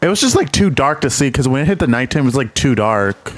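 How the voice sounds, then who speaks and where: A man playing a co-op game chats casually over voice chat in a medium-pitched, sing-song voice, talking fast. He's laid-back, offering short replies and acknowledgements along with running commentary on his in-game moves.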